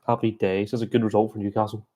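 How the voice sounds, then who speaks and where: A man giving chatty, excitable live reaction commentary on a rugby match, breaking into exclamations. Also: on the low side, fast. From Ireland. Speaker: sports reaction streamer.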